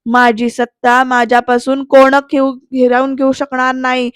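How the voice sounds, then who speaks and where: A woman's voice: sits high, monotone, normal speed, clean tone, no room sound, studio quality, close to an everyday voice. A woman voicing a domineering older matriarch who speaks sternly. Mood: defiant.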